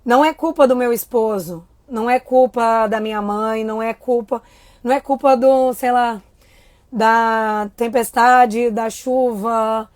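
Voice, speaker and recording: Lively high-voiced woman giving a talk. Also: a little slow, no echo. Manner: lively, addresses the crowd with questions; acts out a child's inner voice. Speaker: speaker. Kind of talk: motivational talk to a live audience.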